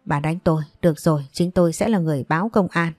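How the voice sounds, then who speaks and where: A woman narrator voicing a frantic, hot-tempered young woman who turns sharp in anger. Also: sits low, fast talker, no room sound, lightly acted. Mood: furious.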